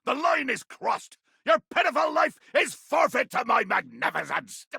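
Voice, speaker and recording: A man voicing a bombastic, bloodthirsty pirate captain in a video game, with a raspy, gravelly growl and grandiose, archaic seafaring speech. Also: very high voice, very animated, normal speed, pushed and bright, dry recording, studio quality, heavily acted. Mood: menacing, bombastic. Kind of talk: theatrical video game character acting.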